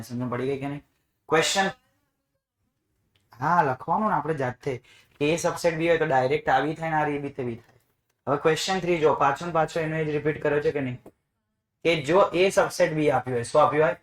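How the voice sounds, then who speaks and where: A man's voice: fairly high pitch, echoey room. A man teaching math to a class, coaxing students with repeated questions. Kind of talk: classroom lesson.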